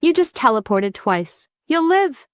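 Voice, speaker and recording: A tiny genius hacker girl, bratty and unimpressed, as a woman acts her out. She speaks flatly and deadpan. The recording is dry and close. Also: high-pitched, a little slow, no echo, pitched above the performer's own voice. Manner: flat, deadpan.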